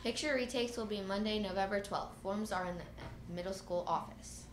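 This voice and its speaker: A woman's voice: medium pitch, moderate pace. A woman reads morning announcements over a school PA system in a plain, slightly stumbling delivery. Her mid-range voice rings through an echoey space. A noticeable noise floor sits under the speech. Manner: plain read-aloud delivery with small stumbles.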